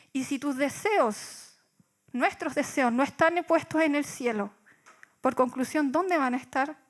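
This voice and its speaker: A young woman with a Chilean Spanish accent preaching a sermon in a high voice. She talks reflectively, poses rhetorical questions and often pauses on fillers. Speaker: church speaker.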